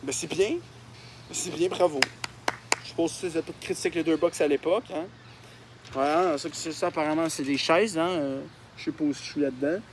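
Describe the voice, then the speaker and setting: A man's voice: fairly high pitch, normal speed, a little hiss or hum. A young man with a Québécois accent, making mocking, self-deprecating commentary on his old drawings and swearing often. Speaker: YouTuber. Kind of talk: casual commentary on childhood drawings.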